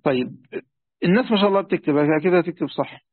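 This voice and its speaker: Egyptian guy teaching a class, fast talker, keeps asking students stuff, tinny dry phone-ish sound. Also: fairly high pitch, lively intonation, slightly rough, dry recording. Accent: Egyptian Arabic. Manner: conversational, asks students questions, many fillers. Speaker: teacher of Quran commentary. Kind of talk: classroom lesson explaining a text.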